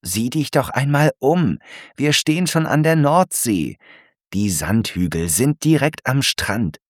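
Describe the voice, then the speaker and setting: A kindly zebra who explains everything patiently, as a man reads him aloud in a storybook, his voice raised above the reader's own. Slow, close and dry. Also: medium pitch, lively intonation, dry recording, pitched above the performer's own voice. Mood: explaining. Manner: explaining, gentle teacher tone. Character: patient knowledgeable male zebra. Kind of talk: storybook character voice.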